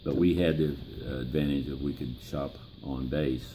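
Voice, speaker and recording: An elderly American man with a gravelly old voice, reminiscing in a plain-spoken, halting way in an interview. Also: a bass voice, fairly even intonation, noisy background. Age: 70s or older. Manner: plain-spoken, halting, pausing mid-phrase. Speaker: interviewee, grandfather.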